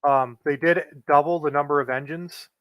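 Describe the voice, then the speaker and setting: Male guest player, slightly higher voice, monotone explainer, dry close sound. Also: moderate pace, dry recording, dull audio. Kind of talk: casual gameplay explanation.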